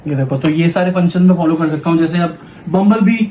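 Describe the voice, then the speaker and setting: An Indian man presents toys at a shop in a casual product demo, walking through each step and switching between Hindi and English. His voice sits on the high side, mellow and a little fast. The room is echoey, with background noise and clicking.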